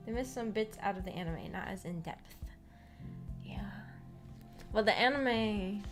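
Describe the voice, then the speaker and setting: With background music behind her, a woman runs a relaxed livestream book club for a visual novel, giggling and rambling as she talks with viewers and trips over false starts. Her medium-pitched voice has lively intonation, and she speaks slowly, pausing often.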